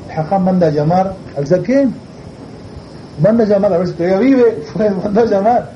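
A man giving a religious talk who tells a story in lively fashion and acts out its characters, in a muffled recording. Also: high-pitched, a little fast, a little hiss or hum. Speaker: religious teacher. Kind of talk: sermon with storytelling.

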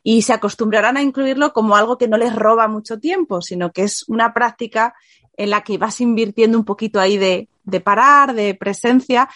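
A woman's voice: a little high, moderate pace, a bit bright, no echo, studio quality. A woman hosting an interview, sharing personal anecdotes in a chatty way. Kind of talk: casual conversational talk.

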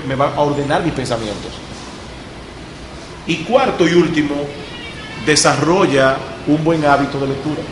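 A man, a pastor, giving a lively classroom lecture on public speaking and talking straight to the students. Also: on the high side. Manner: lively teacher, addresses students directly. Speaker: pastor giving a guest talk. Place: school classroom. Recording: roomy classroom with background noise.

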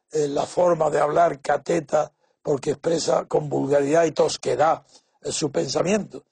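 A man giving a reflective spoken essay, measured and explanatory, often pausing with hesitant fillers and restarting his sentences. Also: high voice, gravelly, a little mellow, husky, no echo. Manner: opinionated, explanatory tone.

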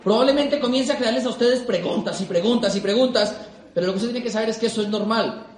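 A young man speaks to a live audience in an animated seminar style, repeating his points for emphasis. His voice sits very high for a man. The sound rings in an echoey hall. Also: quick pace. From Colombia. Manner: animated, repeats for emphasis, acts out quoted people. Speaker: motivational speaker.

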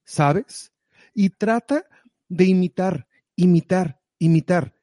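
A man giving lively, direct, motivational advice in a casual conversation. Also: high voice, slow, no room sound, clean studio sound. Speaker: guest sharing advice.

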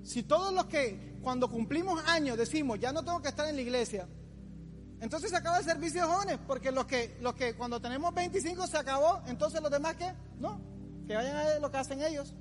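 A very high male voice, brisk in delivery, comes from a forties-aged pastor giving a laid-back youth sermon. He jokes around in everyday language and plays out the grumbling of imagined complainers, with music beneath and a long reverberant hall sound.

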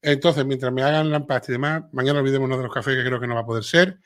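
This middle-aged livestream host from Seville talks in a racing, mid-range voice with fairly even intonation and a Sevillian Andalusian accent. Chatty throughout, he reads viewers' comments aloud in a casual live chat, tossing in filler tags often.

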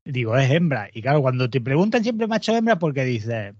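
A man's voice: mid-range voice, expressive, brisk, a little mellow, no echo. A man in casual chat, telling a story with frequent laughter and acted-out quotes. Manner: laughs often, acts out quoted voices. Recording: dull, slightly muffled, dry audio.

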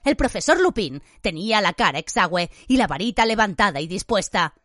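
Expressive woman narrating an audiobook. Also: medium pitch, brisk, no room sound. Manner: expressive storytelling delivery. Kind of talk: scripted narration. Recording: dry studio read with faint music.

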